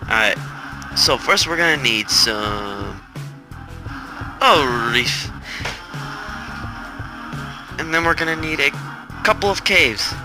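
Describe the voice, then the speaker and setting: A man hosting a gaming channel, rambling and correcting himself in a flat, robotic-sounding delivery while he sounds stressed. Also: mid-range voice, takes it slowly, pauses often. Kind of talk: casual gameplay commentary. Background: game music.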